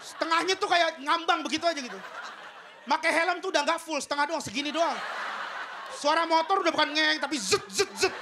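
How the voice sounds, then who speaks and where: A man's voice: very high-pitched, steady tone, brisk, background noise. A man doing a stand-up comedy routine on a TV stage, telling a story with vocal sound effects. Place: television studio stage with audience.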